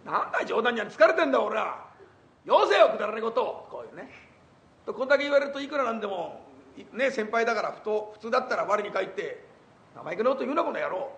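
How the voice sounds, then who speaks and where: An older man telling stage reminiscences in rough, colloquial speech with wry asides. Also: sits high, big pitch swings, fast talker, a bit bright. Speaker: comic storyteller.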